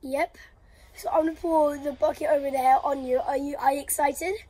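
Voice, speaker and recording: High-voiced chatty woman vlogger. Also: fairly even intonation, normal speed, warm tone, low-quality recording. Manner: chatty, stumbles over words. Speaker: vlogger host. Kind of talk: casual chat.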